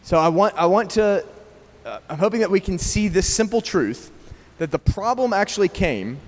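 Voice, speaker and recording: Guy giving a sermon, kinda high voice, long echo off the hall, chatty and keeps asking the crowd stuff. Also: lively intonation, moderate pace. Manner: conversational, asks the congregation questions. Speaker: preacher. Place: church gathering, in the southern US. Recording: long reverb of a large room.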